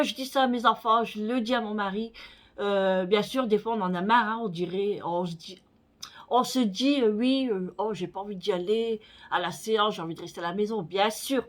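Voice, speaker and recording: A woman in her forties, chatting casually on her vlog, rambling with many fillers and a slightly stuffy nose. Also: mid-range voice. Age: 40s. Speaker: vlogger. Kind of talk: casual chat.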